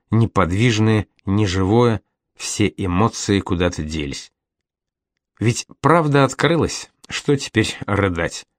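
Brief: male audiobook reader, lowish voice, measured and subdued, dry close sound. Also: no echo. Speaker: audiobook narrator. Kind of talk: scripted first-person narration.

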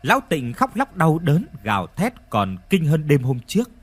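A man narrating a ghost story in an expressive, dramatic storytelling manner. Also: on the high side, moderate pace, husky.

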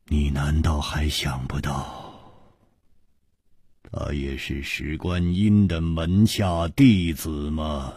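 A man voicing a shrewd, cool-headed male swordsman hero who reasons slowly and deliberately. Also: lowish voice, big pitch swings, darkish tone, slightly rough, no room sound, clean studio sound, exaggerated voice. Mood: probing. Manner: slow, deliberate, coldly reasoning.

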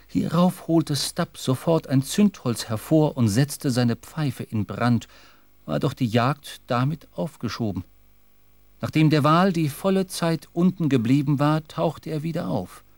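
A man narrating a radio drama in a measured, literary storytelling manner. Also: a little high, a little mellow, no echo.

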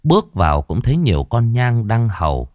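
A man with a Southern Vietnamese accent telling a ghost story in the first person, gruff and blunt, cursing casually. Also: mid-range voice, sing-song, normal speed, a little mellow, dry recording, clean studio sound.

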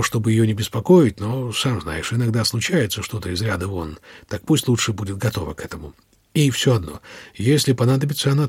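Male narrator, husky and low-pitched, dry studio read. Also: no echo. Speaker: audiobook narrator. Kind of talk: scripted narration.

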